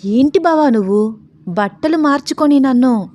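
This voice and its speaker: A woman's voice: on the high side, normal speed, darkish tone, natural voice. A woman voicing a shy young wife in a romantic audio story, bashful and pleading.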